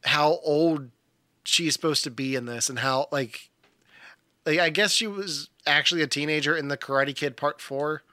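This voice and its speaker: A man in his thirties co-hosting a podcast, his voice bright and fairly high, recorded dry and close. He talks in a teasing, jokey way. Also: normal speed, dry recording. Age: 30s. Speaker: podcast co-host. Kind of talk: casual chat.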